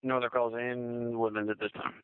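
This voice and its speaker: Brisk man on police-style emergency radio. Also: mid-range voice, flat delivery, smooth, dry recording. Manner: clipped, procedural. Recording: thin phone-like radio channel.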